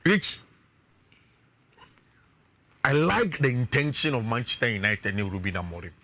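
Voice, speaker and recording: A man with a Ghanaian accent, a sports pundit giving energetic, analytical talk on a radio show and mixing in local phrases. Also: mid-range voice, unhurried.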